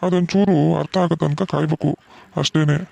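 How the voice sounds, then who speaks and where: A man voicing a gentle middle-aged village father in a cartoon, soothing and reassuring his daughter. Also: a little high, fairly even intonation, brisk, creaky, dry recording. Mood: comforting. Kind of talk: cartoon voice acting.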